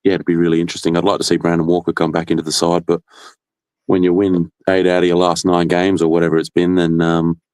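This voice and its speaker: A man, a guest caller, giving casual and understated opinions in a measured way. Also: deep voice, completely flat delivery, darkish tone, smooth, dry recording, clean studio sound. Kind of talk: casual chat.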